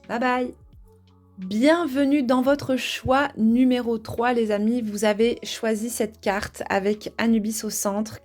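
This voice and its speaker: A woman giving a tarot reading, speaking gently and chatting to her viewers with many hesitations. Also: medium pitch. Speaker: tarot reader.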